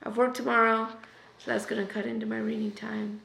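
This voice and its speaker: A young woman chatting casually in a reading vlog, sick and losing her voice, often dropping to a soft half-whisper. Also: a little high, flat delivery, quick pace, gravelly, reverberant, slight background noise. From US West Coast. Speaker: book vlogger. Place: at home.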